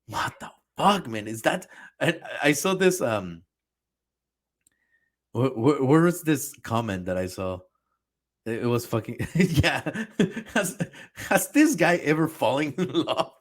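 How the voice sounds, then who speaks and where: A man's voice: medium pitch, big pitch swings, takes it slowly. Young male reaction host, heated profane rant, exasperated delivery.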